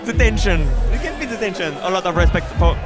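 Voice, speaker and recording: High-voiced man, non-native English, loud crowd. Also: animated. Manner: halting, repetitive phrasing. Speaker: expert co-commentator. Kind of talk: live combat sport commentary. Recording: loud music and crowd noise behind. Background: arena crowd and loud music.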